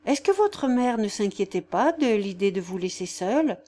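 A woman reading a novel aloud voices a gentle, remorseful young nobleman who speaks in a measured, formal way. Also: mid-range voice, sing-song. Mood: tender. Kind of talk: audiobook character voice.

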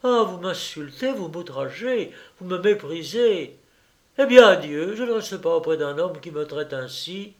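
Man doing a high indignant wife, exclaiming, slow and deliberate. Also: a little mellow. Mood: outraged. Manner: exclaims and repeats herself in a rising outraged voice. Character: indignant young wife, shrill and easily outraged.

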